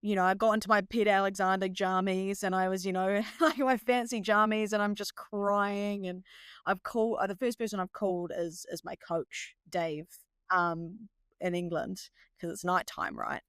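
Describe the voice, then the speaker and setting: A young woman with a New Zealand accent, a guest telling stories in a casual interview, upbeat and animated with lots of "you know". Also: medium pitch, moderate pace, clean tone, no echo, clean studio sound. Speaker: guest, professional cricketer.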